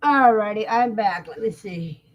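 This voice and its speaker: A woman's voice: medium pitch, a little slow. A woman in her sixties hosting a casual livestream chat, folksy and talkative, reading out viewer comments and answering them. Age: 60s. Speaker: livestream host. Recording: dull lo-fi sound.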